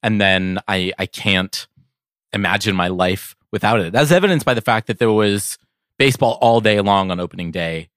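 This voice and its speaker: Man, low voice, podcast co-host, laid-back, wry, dry close mic. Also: normal speed, fairly bright tone, dry recording. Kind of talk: casual podcast banter.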